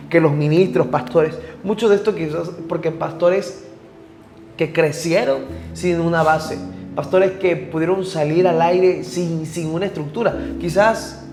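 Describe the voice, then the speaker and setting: A man guest on a church podcast, speaking earnestly and preachily, with pauses and restarts as he builds his point. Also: on the high side, a little mellow, faint music behind. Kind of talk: church discussion. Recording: echoey room.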